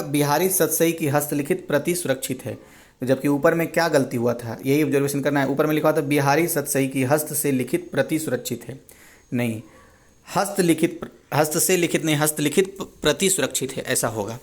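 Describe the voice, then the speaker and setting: A man's voice: a little high, normal speed, darkish tone. A man teaching Hindi grammar for an exam, reading wrong sentences and explaining the correct forms, often repeating himself and correcting his own slips.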